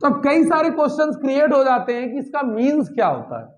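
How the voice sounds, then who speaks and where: A man's voice: extremely high pitch, big pitch swings, fairly quick, a little mellow, lo-fi sound. A man teaching a physics class, asking his students questions and answering them himself, repeating key terms. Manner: mixes English terms into Hindi, repeats key words. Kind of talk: classroom lecture.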